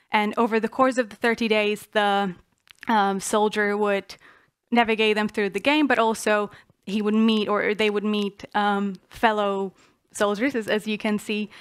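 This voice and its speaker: A woman's voice: mid-range voice, fairly bright tone, smooth, dry recording, studio quality. A young woman from the Czech Republic, a student presenting her idea on a panel, speaking earnestly with many fillers and restarts.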